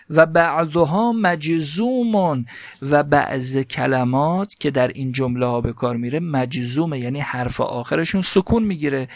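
A man teaching a grammar lesson, explaining step by step, asking questions and answering them himself, and slowing down to stress example words. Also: fairly high pitch, gravelly, dry recording, studio quality.

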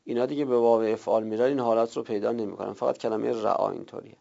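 Guy lecturing a class, bit of vocal fry, keeps repeating and rephrasing stuff, muffled recording. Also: medium pitch, steady tone, dark tone. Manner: explanatory, repeats and rephrases rules for students. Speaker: teacher. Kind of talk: lecture on Arabic verb morphology.

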